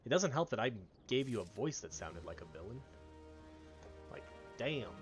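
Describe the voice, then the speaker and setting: A man's voice: medium pitch, big pitch swings, moderate pace. A man giving casual, offhand gameplay commentary as he streams. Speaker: game streamer reading quests aloud. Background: game music.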